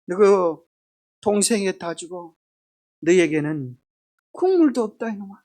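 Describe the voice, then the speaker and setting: A woman playing a gruff old scolding father. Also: mid-range voice, lively intonation, measured pace, mellow, pitched below the performer's own voice.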